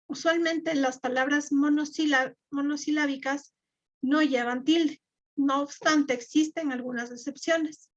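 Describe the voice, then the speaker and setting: A woman, teaching a live online class and explaining step by step with fillers and repeated words. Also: high voice. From Ecuador. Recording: dull lo-fi.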